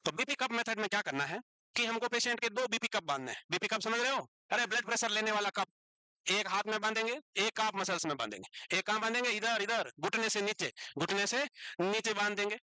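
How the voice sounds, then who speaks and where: A man teaches psychiatry, dictating notes word by word and scolding students gently for writing too slowly. His voice is high and very bright, recorded close and dry. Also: animated, dry recording, poor audio. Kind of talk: dictating a psychiatry class lecture.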